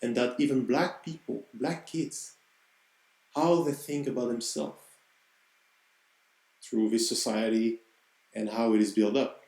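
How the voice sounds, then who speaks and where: A man's voice: medium pitch, steady tone, unhurried, long pauses, darkish tone, roomy sound, poor audio. A man with a French accent, hosting a podcast and telling a personal story in an earnest, reflective way. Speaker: podcast host.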